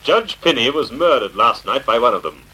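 The Shadow, a raspy, menacing invisible avenger. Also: male voice, mid-range voice, animated, moderate pace, sharp tone, poor audio. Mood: accusing, stern. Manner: accusing, commanding, theatrical. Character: unseen avenging crime-fighter, menacing, mocking invisible man. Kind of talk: vintage radio drama acting. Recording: old radio drama recording.

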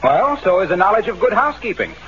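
An actor playing an affable, earnest pitchman who teases in 1940s radio comedy. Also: sing-song, fast. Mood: affable, teasing. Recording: noisy, dull old radio recording.

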